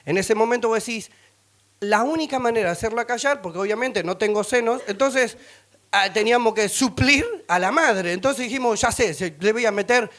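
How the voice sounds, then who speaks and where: Animated high-voiced Rioplatense pastor. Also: male voice, a little fast. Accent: Rioplatense Spanish. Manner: animated, acts out voices and sings snippets, laughs often. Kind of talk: humorous sermon storytelling.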